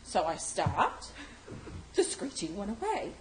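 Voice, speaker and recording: At a funeral gathering, a woman mourner tells a funny story to a group, speaking slowly while a crowd murmurs in the background of an echoey, noisy room. Animated and laughing, she acts out the quotes with big jumps in pitch in this casual storytelling.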